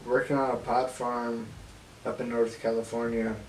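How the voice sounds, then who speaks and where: A man's voice: mid-range voice, flat delivery, moderate pace. A young man casually telling a wild story in an interview, laughing often and swearing freely. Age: young adult. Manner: laughs often, profane, loose retelling. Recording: echoey room, mic far off, faint hiss.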